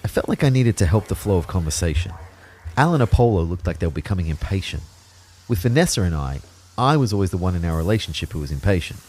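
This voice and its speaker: For a first-person scripted audio drama, a man plays an anxious, introspective character narrating his own story in a reflective, wry way. His voice sits low with a darkish tone, very animated and fast.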